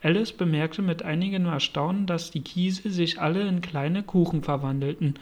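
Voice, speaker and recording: A man narrating a storybook as an audiobook reader, in an even, measured way. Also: on the high side.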